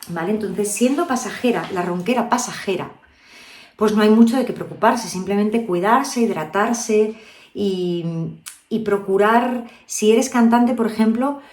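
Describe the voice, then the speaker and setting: A woman's voice: medium pitch, normal speed, darkish tone. A woman from Spain, a vocal coach, giving a chatty video lesson and often checking in with her viewers. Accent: Spain Spanish. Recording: echoey room.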